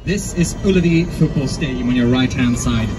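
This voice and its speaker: A man's voice: medium pitch, moderate pace, background noise. A man with a Swedish accent giving chatty, trivia-filled tour guide commentary to passengers. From Sweden. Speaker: bus boat tour guide. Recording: loud music playing under the voice.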